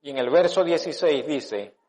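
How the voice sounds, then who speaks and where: Pastor, male, fairly high voice, chatty sermon delivery, often restarts his sentences. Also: animated, normal speed, darkish tone. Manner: conversational preaching with restarts and rhetorical questions.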